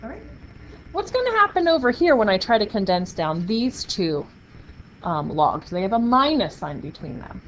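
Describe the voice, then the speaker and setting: In this muffled classroom recording with faint noise, a woman lectures her math students with upbeat, playful encouragement. Her mid-range voice has a sing-song, fairly bright quality, and she keeps a moderate pace.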